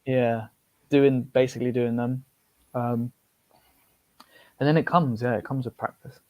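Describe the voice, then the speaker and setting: On a casual podcast about language learning, a young polyglot guest with a British English accent from the UK rambles along, full of fillers and restarts, quick to laugh. His mid-range voice is flat and unhurried, and the recording is dry and muffled.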